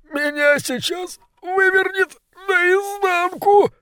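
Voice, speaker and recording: A man's voice: sits high, animated, takes it slowly, a bit bright, dry recording, studio quality, voice pushed up, full character voice. A man voicing a sick male ratcatcher who groans and snaps, reading an audiobook. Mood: sick and snappish. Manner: groaning, snapping. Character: queasy grumbling male ratcatcher.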